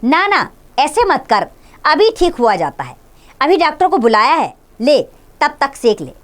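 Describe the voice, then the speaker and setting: A woman's voice: high-pitched, sing-song, moderate pace, pitched above the performer's own voice. A woman voicing a worried mother who fusses anxiously over her sick son, reading a school play aloud. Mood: anxious coaxing. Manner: coaxing, anxious.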